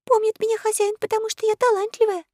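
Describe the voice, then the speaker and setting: A squeaky trembling alien slave girl. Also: little pitch movement, fast talker, warm tone, no echo, clean studio sound. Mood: trembling, excited. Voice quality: very high, trembling. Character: timid young alien slave woman.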